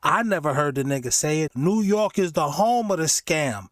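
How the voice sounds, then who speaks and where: A man's voice: fairly high pitch, lively intonation, moderate pace, dry recording, studio quality. A man hosting his own basketball commentary show, ranting in a heated, profane, argumentative way and breaking off from read-out facts to riff on them. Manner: reads out facts, then riffs on them. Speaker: host of a sports commentary channel.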